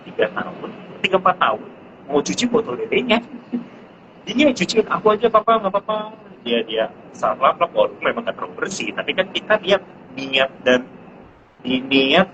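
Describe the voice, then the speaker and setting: Over muffled live-stream audio with background noise, a thirty-something dad offers parenting tips in a relaxed chat. He talks at normal speed with big swings in pitch, jumping high to imitate his child.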